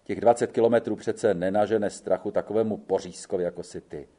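A man's voice: fairly low pitch, fairly even intonation, mellow, close to an everyday voice. A man reading the part of an old gendarme in an audiobook, speaking bluntly and in a fatherly way. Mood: urging. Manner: blunt, fatherly, calls the other man boy. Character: gruff old male gendarme, weary, blunt.

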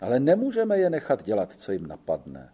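A man's voice: medium pitch, huge pitch swings, dark tone, breathy edge. A man reading the part of an old gendarme in an audiobook, speaking bluntly and in a fatherly way. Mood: grave. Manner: blunt, fatherly, calls the other man boy. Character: gruff old male gendarme, weary, blunt.

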